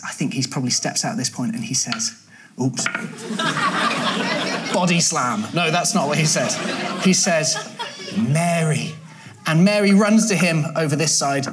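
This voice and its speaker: A woman leading a children's talk. She tells the story in a lively, playful way and asks the children questions. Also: deep voice, a little slow, crowd noise, noisy background.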